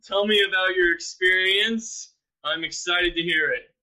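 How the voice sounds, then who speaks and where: A man's voice: sits high, a little slow, pushed and bright. A man co-hosting a podcast, chatting in a playful, teasing way. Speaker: podcast co-host. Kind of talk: casual chat. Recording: dull lo-fi sound.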